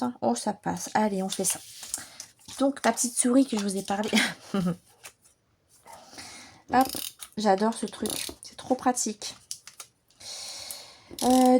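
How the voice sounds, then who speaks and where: A French woman chats enthusiastically through a casual vlog, her voice dark and slightly hoarse from a lingering bronchitis. She fills her talk with little hesitations and warm exclamations. A faint background hiss sits under the recording. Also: a little high. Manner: chatty, enthusiastic, many fillers. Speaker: adult coloring vlogger.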